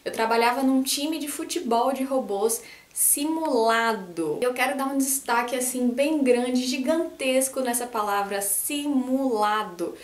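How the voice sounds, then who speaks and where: A lively woman in her twenties from Brazil with a faint Bahian accent, talking casually to camera as a science YouTuber and gesturing a lot. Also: a little high, reverberant. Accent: light Brazilian Portuguese, faint Bahian. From Salvador, Bahia, Brazil. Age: 20s. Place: small room indoors, posters on the wall.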